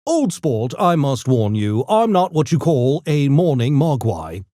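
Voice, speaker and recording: A pint-sized gremlin intellectual for a video game. The voice swings dramatically up and down and takes its time over every fancy word. It is smug, pompous and mischievously menacing, recorded dry and close. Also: male voice, medium pitch, big pitch swings, measured pace, dark tone, dry recording. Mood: dry, condescending. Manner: pompous, wordy, mock-genteel diction. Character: small, erudite, smug male gremlin genius with mischievous menace. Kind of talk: video game character voice lines.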